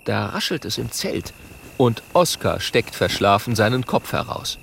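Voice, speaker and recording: A man reading a children's story aloud in an animated, expressive way. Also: on the low side, a little slow, gravelly, a little hiss or hum. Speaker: narrator.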